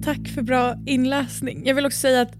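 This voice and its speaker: A woman co-hosting a podcast in a studio, chatting and reacting with quick remarks. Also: sits high, flat delivery, dry recording, soft background music. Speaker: podcast co-host. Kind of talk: casual chat. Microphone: studio microphone.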